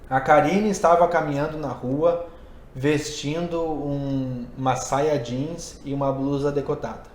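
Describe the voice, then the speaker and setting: A man's voice: a little high, fairly even intonation, unhurried, slight background noise. A man who teaches English and Portuguese, hosting a casual podcast and explaining ideas conversationally while thinking aloud. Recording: roomy echo.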